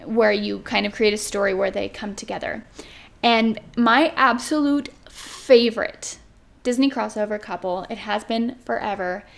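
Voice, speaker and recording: Young woman with a creaky, higher voice. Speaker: vlogger reading her old fan fiction. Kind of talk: casual chat and reading aloud.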